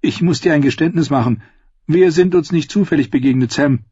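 A man's voice: on the high side, a little fast, mellow, slightly rough, dry recording, pitched above the performer's own voice. A man voicing a sly young man known as the Sphinx, speaking lightly and knowingly. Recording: dull, dry lo-fi recording.

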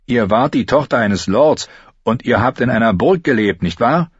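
A man's voice: medium pitch, lively intonation, slightly rough, no room sound, dull audio, pitched above the performer's own voice. Man doing a stubborn, humble young apprentice. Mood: deferential. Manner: hesitant, deferential, halting.

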